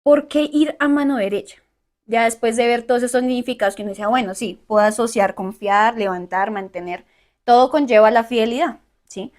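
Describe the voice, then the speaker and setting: A woman teaching a Bible study, often checking in with her listeners and listing word meanings slowly. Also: on the high side, darkish tone. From Colombia.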